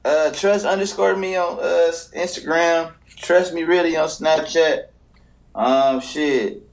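A man's voice: a little high, takes it slowly, rough recording. A young man chatting casually on a panel with slangy frat-bro banter. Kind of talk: casual chat.

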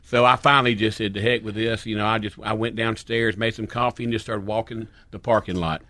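A man's voice: on the low side, steady tone, a little fast, bright, forceful tone, no room sound. Folksy middle-aged man telling stories. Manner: folksy storyteller who laughs easily. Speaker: company founder and podcast regular. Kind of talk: casual podcast chat.

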